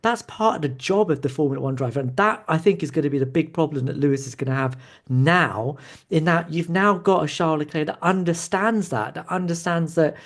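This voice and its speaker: A man hosting a sports debate, calmly building an analytical case and checking for agreement as he goes. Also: fairly high pitch. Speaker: show host.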